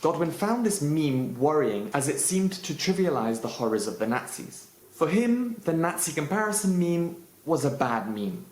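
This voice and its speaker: A man's voice: fairly high pitch, darkish tone. Man, English teacher, scripted narration, playful asides, echoey room. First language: Spanish. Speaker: English teacher and channel host.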